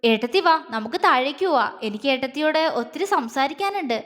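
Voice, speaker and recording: A woman's voice: high-pitched, expressive, fast, a bit bright, in a large hall. A woman voicing a playful, pouty young woman who teases and insists, in a story reading. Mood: teasing. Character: teasing, pouting young woman, playful sister-in-law.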